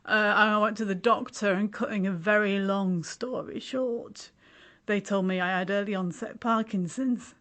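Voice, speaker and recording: A woman's voice: mid-range voice, steady tone, normal speed, a bit bright. A woman in her forties from West Yorkshire with a slight Yorkshire accent, a guest talking in a casual interview with wry, self-mocking humour. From West Yorkshire, England. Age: 40s.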